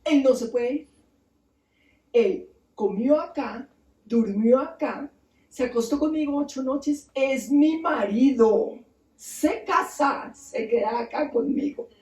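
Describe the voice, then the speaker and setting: A woman's voice: sits high, expressive, a little slow, dark tone. A woman voicing a fearsome, demanding underworld queen in a storytelling talk, recorded from a distance in a roomy space. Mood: possessive. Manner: imperious, demanding.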